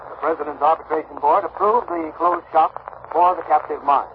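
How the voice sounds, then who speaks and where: A man's voice: a little high, fairly even intonation, brisk. Man reading an old-time radio news bulletin. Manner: crisp urgent announcer reading. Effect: old-time radio news broadcast sound. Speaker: newscaster. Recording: tinny noisy 1940s radio broadcast.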